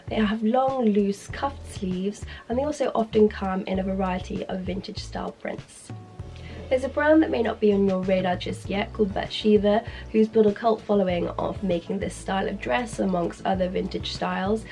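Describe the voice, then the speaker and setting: A woman's voice: mid-range voice, a little mellow. A British woman presenting a fashion guide in a chatty, informal way, her voice strained and sick-sounding from a sore throat. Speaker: fashion video creator. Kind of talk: upbeat scripted fashion guide to camera.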